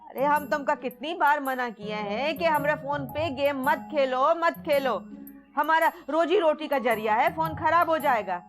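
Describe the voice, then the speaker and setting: A woman's voice: high voice, a little slow, soft background music. An actress playing a fretting mother who scolds her daughter, speaking, in a TV drama. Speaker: actor.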